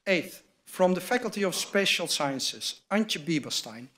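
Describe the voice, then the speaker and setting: An older man with a high voice and lively intonation stands at a lectern microphone in a large wood-panelled hall, reading award citations from notes at a university ceremony. The formal address is measured and read from a script, with background noise audible.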